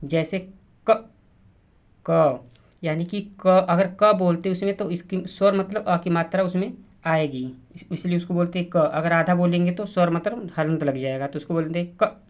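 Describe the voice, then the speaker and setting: A woman teacher, explaining spelling slowly, repeating words and sounding out letters. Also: fairly low pitch, steady tone. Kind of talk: slow classroom explanation.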